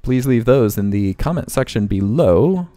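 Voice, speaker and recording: This man has a medium-pitched, mellow voice with lively intonation, moving at a moderate pace with no echo. He's doing relaxed commentary for a let's play, pondering aloud and amending himself while gentle game music runs beneath.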